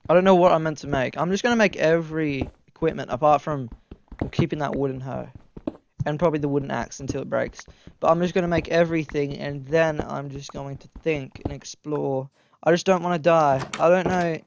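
A man giving excitable gameplay commentary, talking straight to his viewers and yelping when scared. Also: fairly high pitch, brisk, creaky, muffled recording, slight background noise. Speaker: gaming YouTuber.

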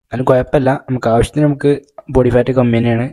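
A man's voice: medium pitch, little pitch movement, racing, warm tone. A young man narrating a casual bodybuilding vlog in a matter-of-fact way, recorded on a phone camera in a small room at home. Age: young adult. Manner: matter-of-fact, talks through his diet and training plans. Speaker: bodybuilding vlogger.

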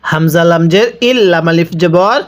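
In this Quran reading lesson, a man with a fairly high voice and normal speed spells out letters and vowels patiently in a Bangladeshi Bengali accent. He then lengthens each word so the listener can repeat it, in a slow recitation style.

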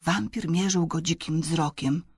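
Husky woman reading a storybook. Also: deep voice, measured pace, no echo, studio quality. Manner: expressive, dramatic reading. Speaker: audiobook narrator. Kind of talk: scripted storybook narration.

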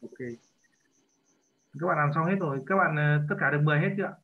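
A man's voice: on the high side, fast. A male language teacher leading an online class, patiently checking students' answers over a video call. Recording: muffled lo-fi audio with faint hiss.

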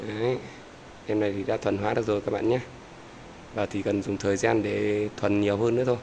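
A man's voice: lowish voice, little pitch movement, a little fast, creaky, darkish tone, a little hiss or hum. A man chatting casually to his viewers outdoors by bird cages, repeating little "there" words as he points things out. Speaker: bird-keeping vlogger. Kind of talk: casual talk to camera viewers.

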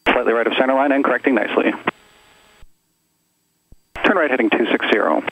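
A man working as an approach radar controller, calling headings and glide path over the radio in measured, clipped procedural phrases. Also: mid-range voice, fairly bright tone. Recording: dull radio transmission with faint noise.

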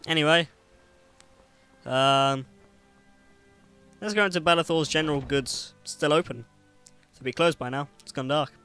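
A man's voice: fairly high pitch, measured pace, pauses often, bright, forceful tone, clean tone, faint music behind. A young man chatting through a video game, joking and talking back at the characters. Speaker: gameplay commentator. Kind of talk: let's play commentary.

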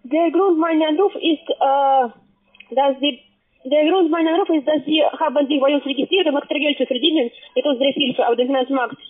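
Tinny, narrowband phone audio carries a call-center agent's halting, scripted pitch. She's a woman with a high voice and a foreign accent, not a native German speaker, using broken phrasing.

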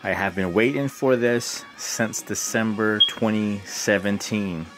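Man, deep low voice, casual vlog reviewer, faint guitar music behind. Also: measured pace, low-quality recording. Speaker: product reviewer.

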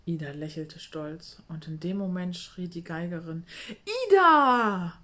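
A woman calmly reading a children's book aloud. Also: fairly low pitch, normal speed.

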